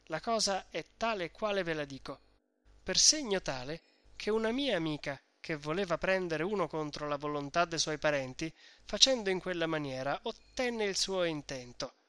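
A man reading the part of a shrewd, talkative middle-aged mother who insists and explains things at length, in a bright voice recorded dry. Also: a little high, expressive, moderate pace, clear, resonant tone, dry recording. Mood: explaining.

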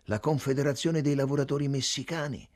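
A man narrating a literary novel as an audiobook, in a measured reading voice. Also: mid-range voice, fairly even intonation, darkish tone.

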